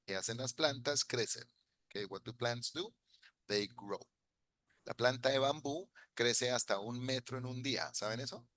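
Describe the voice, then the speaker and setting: Bright-voiced male English teacher. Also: mid-range voice, no room sound. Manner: patient, explains slowly and repeats phrases. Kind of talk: bilingual classroom lesson.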